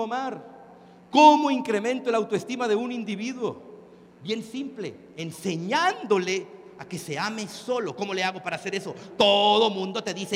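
A man's voice: high-pitched, fairly bright tone, a little hiss or hum. A man with a Mexican accent giving a live motivational talk. He speaks emphatically, throws questions at the audience and uses crude slang. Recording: long hall reverb, faint ambience.

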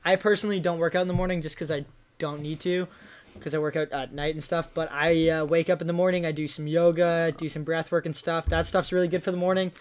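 A young man hosting a casual podcast from a small studio, reading out listener questions in a relaxed way. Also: a little high, fast, clean tone. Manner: laid-back, reads out listener questions. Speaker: podcast host. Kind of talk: casual chat.

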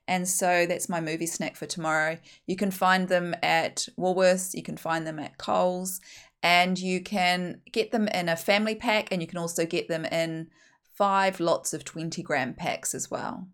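A woman's voice: on the low side, steady tone, normal speed, clean tone. A woman with a broad New Zealand accent hosting a casual solo podcast in a blunt, opinionated, emphatic way. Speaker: podcast host.

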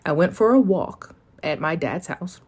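A woman's voice: on the low side, expressive, a little slow, darkish tone, breathy edge. An American woman talking candidly and informally, with rambling asides and some swearing, as she reads journal notes and comments on them. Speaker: host telling of a spiritual awakening. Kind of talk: casual solo chat, reading journal entries aloud.

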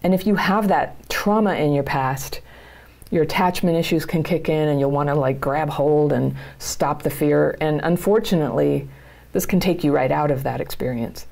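Her deep voice carries some vocal fry and a touch of mellowness as she speaks at a moderate pace. This middle-aged channel host coaches viewers directly to camera, offering earnest, plain-spoken encouragement.

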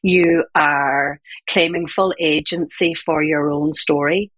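A woman talks as a guest in a conversational, reflective style. Her voice is low and husky, and she explains things as a coach would. The sound is very dry, with no room around it. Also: steady tone, takes it slowly, a bit bright, no room sound. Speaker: interview guest, communication coach.

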